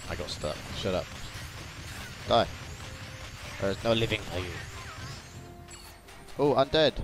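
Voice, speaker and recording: This male gaming video host has a lowish voice, lively intonation, and a slow pace. He keeps the let's play casual and playful, chatting away and exclaiming sound effects. Video game music and sounds sit behind him, and the game audio is doubled.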